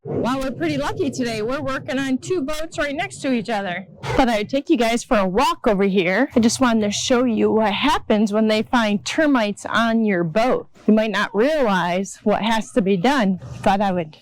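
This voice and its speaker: A chatty woman in her fifties films her own vlog while walking around a marina and touring a boat yard outdoors, laughing easily. Her voice is on the high side at a moderate pace. The recording quality is low.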